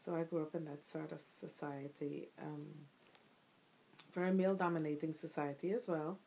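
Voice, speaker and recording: A middle-aged woman from Guyana is interviewed casually by her child, the host, and answers thoughtfully with many ums and restarts. Her deep, warm voice is steady and at normal speed, though the rough recording has a little hiss or hum.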